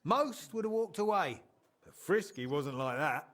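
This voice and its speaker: A voice sitting a little high tells an amused story at a measured pace. He plays a chatty medieval townsman in video game dialogue, fondly recalling an old drinking friend and acting out the quotes in a lively, colloquial way.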